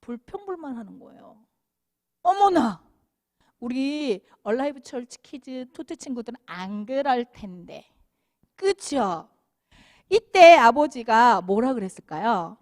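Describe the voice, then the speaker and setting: A woman giving a children's sermon, telling the story in an animated, sing-song way. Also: a little high, a little slow, no echo, studio quality. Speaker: children's minister.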